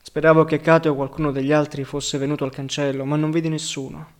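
A man reading a novel aloud as an audiobook narrator, calm, measured and quiet. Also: on the high side.

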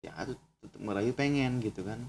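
A man's voice: lowish voice, fast talker, vocal fry, a little mellow, slight background noise. A young man narrating a horror story in a casual way, breaking off for chatty asides and crude exclamations.

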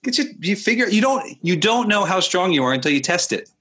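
A man co-hosting a casual podcast, telling stories with a lively, swooping voice. His tone is bright but a little husky. He acts out the people in his anecdotes. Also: high voice, a little fast. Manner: animated storyteller, acts out voices. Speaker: podcast co-host. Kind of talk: casual chat.

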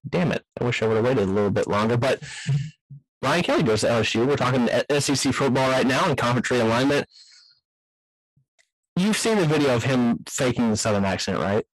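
A man hosts a laid-back sports talk show, offering firm takes and the odd joke at his own expense. His voice sits at a middle pitch. The sound is dry and close, with no room around it. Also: no room sound, rough recording. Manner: opinionated, self-deprecating asides. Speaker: podcast host. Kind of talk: casual sports chat.

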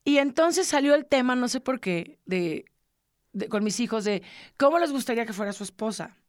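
A woman's voice: a little high, normal speed, dry recording, studio quality. A middle-aged woman, telling a personal story earnestly and acting out what others said. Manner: earnest, animated, acts out quoted dialogue. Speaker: podcast co-host, interviewee.

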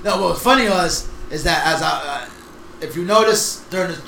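High-voiced man, profane wrestling banter. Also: a little fast, creaky, reverberant, slight background noise, poor audio. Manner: profane, animated, acts out crowd chants. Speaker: podcast co-host. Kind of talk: casual wrestling chat.

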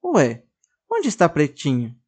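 A narrator voicing a calm, gentle mother who speaks slowly. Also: medium pitch, slightly rough, full character voice. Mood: calma. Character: mãe calma e carinhosa.

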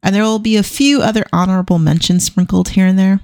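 A woman's voice: mid-range voice, steady tone, fast, a little mellow, no echo. A middle-aged woman hosting a casual solo podcast, stumbling a little over her words with a dry mouth, irreverent and self-deprecating. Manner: stumbling, mumbling articulation. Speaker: podcast host.

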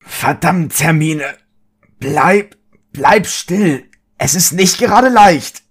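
A man voicing a nervous, blunt young man in an audio drama reading, speaking loud and blurting. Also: medium pitch, sing-song, slow, breathy edge, voice pushed up, exaggerated voice. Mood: strained.

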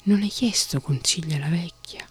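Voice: medium pitch, normal speed, fairly bright tone, breathy edge. A whispering narrator voicing a wise, reproachful young man in a whispered role-play. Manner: whispered, questioning.

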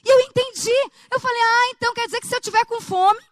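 A woman's voice: very high voice, fast talker, dry recording. A woman telling an emotional prayer testimony as a sermon, speaking straight to her listeners. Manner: emotional, animated storytelling, addresses audience as gente. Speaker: preacher.

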